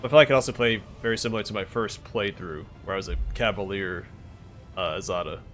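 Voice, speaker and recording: Male game streamer, low pitch, casual chatty commentary, light music behind. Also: steady tone, quick pace, fairly bright tone. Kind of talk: casual gameplay commentary, answering chat.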